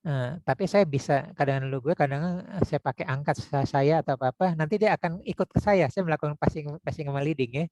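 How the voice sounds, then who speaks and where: A man teaching public speaking in a casual lecture, talking conversationally with frequent tag words and demonstrating deep and high vocal tones. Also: fairly quick, a little mellow, no echo. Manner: conversational, frequent "ya" and "gitu ya" tags.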